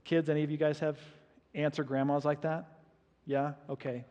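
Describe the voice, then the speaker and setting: High-voiced male pastor, animated storyteller, long hall reverb. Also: normal speed. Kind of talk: sermon.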